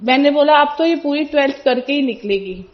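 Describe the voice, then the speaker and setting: A high-pitched woman, telling her family's story at a religious gathering. She speaks earnestly and gives the people she quotes voices of their own. The recording sounds dull and lo-fi. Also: expressive, a little fast. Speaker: devotee giving a testimony. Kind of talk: personal testimony at a religious gathering.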